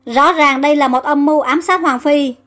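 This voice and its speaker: Woman narrator doing a serious male advisor, high pitched, light music bed. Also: fairly even intonation, moderate pace, fairly bright tone. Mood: grave. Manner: grave, reasoning. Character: shrewd older male royal advisor.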